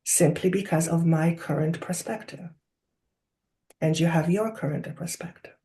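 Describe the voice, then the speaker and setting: Speaking as a wise collective of spirit guides in trance, the medium delivers solemn, oracular teaching at a deliberate pace, elongating key words and posing questions rhetorically. The voice is natural, mid-range and dark-toned, with an emphatic, instructive mood.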